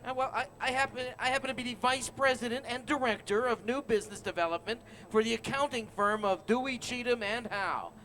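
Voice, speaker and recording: A man's voice: extremely high pitch, a little fast, hardly any pauses, bright, forceful tone, a little hiss or hum. An actor playing a brash, pushy male party crasher who wisecracks and interrupts in a live stage comedy skit.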